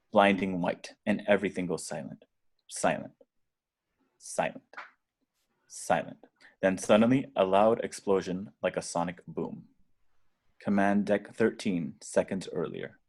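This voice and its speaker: This deep-voiced man, pitched low, voices the screenplay's action lines as the table read's stage directions reader. His reading is deliberate and dramatic, with a slightly mellow quality.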